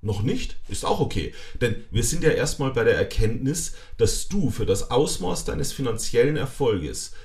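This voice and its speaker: A man's voice: medium pitch, moderate pace, gravelly, few pauses. A man narrating a self-help audiobook in a scripted, emphatic way, speaking straight to the listener and dropping wry asides. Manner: lively, strongly varied intonation.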